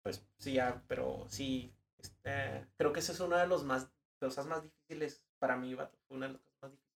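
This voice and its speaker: A young man with a northern Mexican accent, a guest in a casual podcast chat, telling animated stories full of slang and acted-out quotes. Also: medium pitch, brisk, creaky. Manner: animated storyteller, slangy, acts out quoted voices. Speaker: guest, advertising designer.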